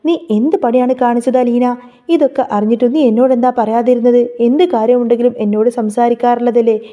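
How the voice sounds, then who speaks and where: Earnest worried young guy, read by a woman narrator, higher voice, muffled audio. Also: steady tone, quick pace, close to an everyday voice. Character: young man, worried and protective.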